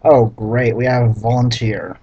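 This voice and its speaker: A man's voice: mid-range voice, steady tone, unhurried, mellow, lo-fi sound, slight background noise. A man reading a bad novel aloud and mocking it with sarcastic, exasperated comments. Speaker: book reviewer reading aloud. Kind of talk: sarcastic read-through commentary.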